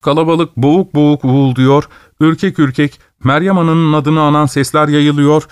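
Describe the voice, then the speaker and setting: A man reading a story aloud as narrator, in a measured, descriptive way. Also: a little high, clean tone, no echo, studio quality. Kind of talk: scripted narration.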